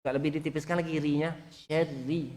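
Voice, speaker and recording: In an online recitation class, a man teaches Quran recitation, patiently repeating sounds for his students to imitate. His voice is a little high and moves at a normal speed, with a long reverb on the recording.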